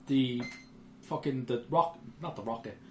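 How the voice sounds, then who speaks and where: A co-host in casual gaming chat, animated and sweary, laughing a lot. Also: medium pitch, measured pace. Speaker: let's play co-host. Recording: echoey room with faint noise.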